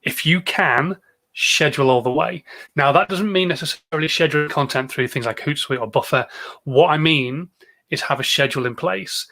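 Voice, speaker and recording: A British man with a fairly high-pitched voice talks casually as the host of a livestream. He coaches his audience emphatically, repeating phrases to drive them home and putting rhetorical questions to them. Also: moderate pace, gravelly, pushed and bright. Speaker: social media coach hosting a livestream. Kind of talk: casual livestream advice talk.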